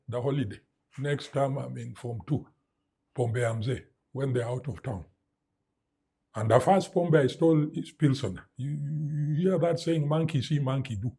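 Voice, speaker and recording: This interview guest, a middle-aged Kenyan man, has a slightly rough voice on the high side. He's a lively storyteller who imitates sound effects and slips Swahili words into his English.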